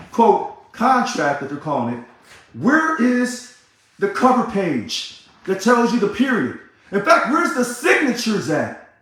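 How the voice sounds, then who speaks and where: A man with a high, swooping voice rants sarcastically. He repeats himself and bursts into shouting now and then. The recording is heavily echoey, as if made in a bare room. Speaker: ousted union leader. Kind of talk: ranting monologue.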